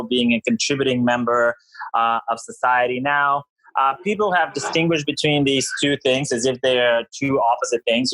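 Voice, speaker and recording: A man's voice: medium pitch, fairly bright tone, no echo, rough recording. A middle-aged man from Bulgaria speaks as a podcast guest. He explains research in a thoughtful, rambling way, full of fillers. The recording is dry and close, with no room sound. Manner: thoughtful, many fillers like uh and you know. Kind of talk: conversational podcast interview.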